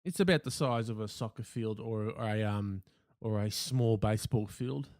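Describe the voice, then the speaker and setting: A man's voice: fairly low pitch, moderate pace, a little mellow, dry recording, clean studio sound. An Australian man hosting a podcast, chatting in a mock-serious, teasing way over a call from home. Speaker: podcast host. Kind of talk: casual comedic chat.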